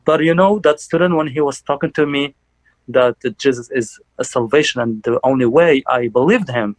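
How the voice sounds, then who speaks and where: Young man from Algeria, halting testimony. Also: mid-range voice, no room sound, low-quality recording. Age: young adult. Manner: halting, many fillers and restarts. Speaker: church member giving testimony. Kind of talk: personal testimony.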